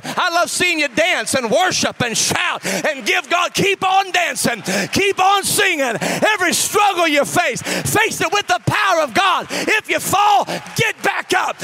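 A man in his forties preaching a sermon, swinging from impassioned shouting and half-sung lines to soft, low, confiding passages. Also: vocal fry, slight background noise. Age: 40s.

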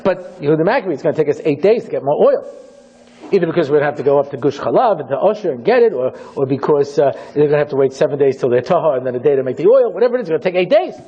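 A male rabbi teaches with theatrical storytelling. His high voice leaps across a wide range and has a husky grain. The recording is dull and lo-fi. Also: lively intonation, very fast, warm tone. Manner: dramatic, theatrical, acts out scenes. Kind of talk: animated storytelling lecture.

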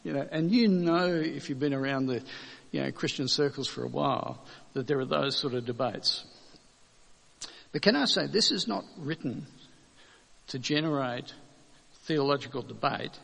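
A man preaching a sermon in a conversational way, asking rhetorical questions and slowing down to stress key words. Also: mid-range voice, gravelly, fairly bright tone, big-room sound.

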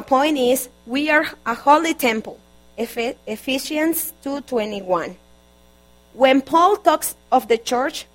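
A woman's voice: a little high, fairly bright tone, poor audio. Colombian woman preaching a sermon. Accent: Colombian Spanish. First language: Spanish. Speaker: guest preacher.

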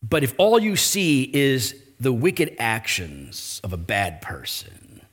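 A man preaching a sermon as pastor, animated and conversational, with his voice rising for emphasis and quick asides. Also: medium pitch.

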